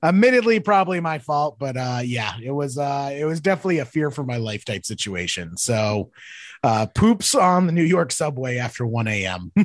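A man's voice: mid-range voice, sing-song, moderate pace, no echo. A laid-back man chatting as a podcast co-host, leaning on plenty of fillers and easy laughs. His voice sits mid-range for a man and sounds close and dry, with no room around it. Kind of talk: casual chat.

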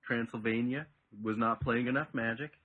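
A man co-hosting a casual comedic podcast, cracking sarcastic, deadpan jokes. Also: medium pitch, moderate pace, phone-quality sound. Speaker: podcast co-host.

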